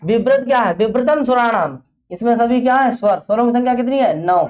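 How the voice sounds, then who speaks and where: A woman's voice: on the high side, a little fast. A woman teaching an exam-prep class, who fires off a question, repeats it, and then answers it herself. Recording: dull lo-fi classroom recording.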